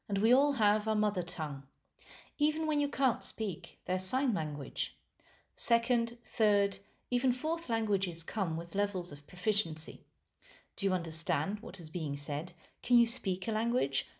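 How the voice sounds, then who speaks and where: A Dutch-speaking woman who works as a musician delivers a scripted monologue. Her mid-range voice stays calm and thoughtful throughout.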